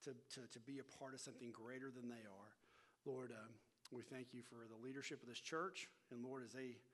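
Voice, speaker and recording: A middle-aged man with a North Texas accent, an education pastor, leads a church workshop, opening with prayer and talking casually to the group. His manner is folksy and self-deprecating, full of restarts and fillers, and his voice is mid-range with a fairly bright tone.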